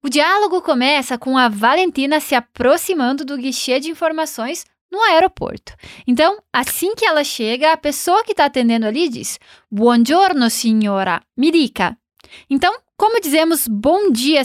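Encouraging high-voiced language teacher. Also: female voice, expressive, no echo, clean studio sound. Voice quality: encouraging, models pronunciation slowly. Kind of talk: recorded language lesson.

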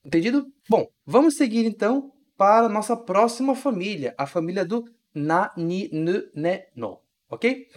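A language teacher gives a recorded video lesson, repeating each word slowly and often checking that the learner understands. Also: mid-range voice, lively intonation.

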